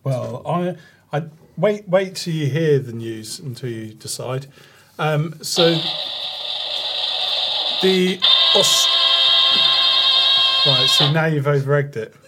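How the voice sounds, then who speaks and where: A man co-hosting a comedy podcast, presenting a news story in a halting, filler-heavy way amid casual banter. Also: fairly high pitch, lively intonation, very noisy. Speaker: podcast co-host reading out news.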